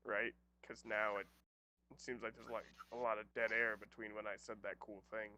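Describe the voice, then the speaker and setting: A man's voice: on the low side, level tone, normal speed, sharp tone. A man playing in an online tabletop game who jokes and mocks his own flubs. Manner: self-mocking, joking. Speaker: player. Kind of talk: casual tabletop play.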